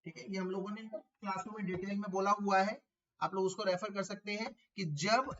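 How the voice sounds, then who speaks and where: A man's voice: sits high, fairly even intonation, fairly quick, a bit bright, highs cut off. A man teaching a chemistry class online, explaining step by step and repeating key terms, asking his students questions. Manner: addresses students as beta, asks them questions.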